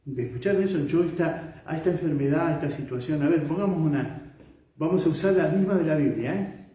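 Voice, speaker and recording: Echoey distant priest. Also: male voice, on the high side, fairly quick, mellow. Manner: conversational preaching with rhetorical questions and acted-out quotes. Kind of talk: sermon. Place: community house chapel, livestreamed mass. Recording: very echoey room, far from mic.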